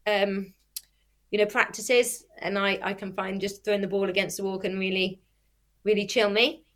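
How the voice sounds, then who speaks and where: This interviewee, a woman who competes as an athlete and coaches young players, talks casually with a steady, medium-pitched voice at normal speed. Her Rs come out as Ws, and she explains through examples while correcting herself as she goes.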